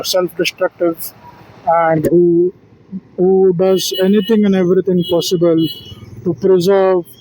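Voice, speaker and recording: A man's voice: sits high, darkish tone, a little hiss or hum, poor audio. A man rambling through a solo vlog, tired and yawning, who keeps stumbling, restarting and correcting himself with self-deprecating asides. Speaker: vlogger.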